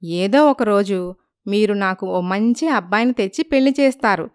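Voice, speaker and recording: A woman voicing a proud young village woman in an animated storybook, speaking with firm indignation. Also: medium pitch, moderate pace, clear, resonant tone, natural voice. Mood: indignant.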